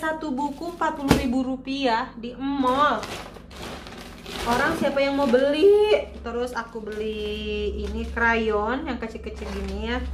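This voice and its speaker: A woman from Indonesia talks casually to her viewers, holding up items one by one. Her voice sits a little high. The room is echoey, and steady background noise runs under her voice. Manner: chatty, showing items to camera. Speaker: vlogger. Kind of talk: casual vlog chat.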